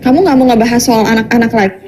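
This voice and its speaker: A woman's voice: on the high side, fairly even intonation, rapid-fire, background noise, lightly acted. An actress playing a worried mother abroad who coolly reproaches her husband over a video call. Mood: reproachful. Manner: cool, reproachful.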